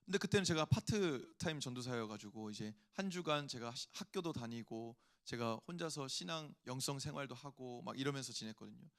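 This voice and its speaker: A man's voice: mid-range voice, brisk, few pauses, a bit bright. A male pastor preaching a sermon, telling a personal story and acting out inner voices before rising to emphatic appeals.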